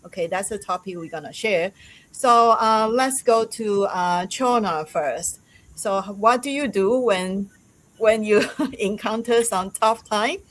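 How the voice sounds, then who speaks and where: A woman hosting a casual live-stream chat, laughing often and pausing on fillers. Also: medium pitch, fairly bright tone, rough recording. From Taiwan. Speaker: host.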